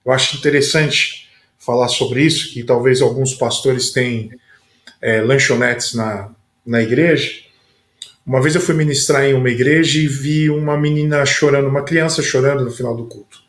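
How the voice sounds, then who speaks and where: A man's voice: mid-range voice, fairly even intonation, moderate pace, a bit bright. A man who is a pastor and podcast host, telling folksy anecdotes in a casual conversation. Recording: roomy echoey sound.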